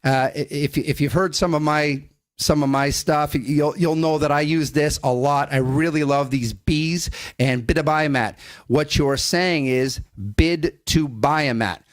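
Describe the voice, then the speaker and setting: A man's voice: on the high side, fairly even intonation, no echo, clean studio sound. Upbeat man drilling auction chant. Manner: rhythmic rapid auction chant alternating with upbeat coaching. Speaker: auctioneer teaching bid calling.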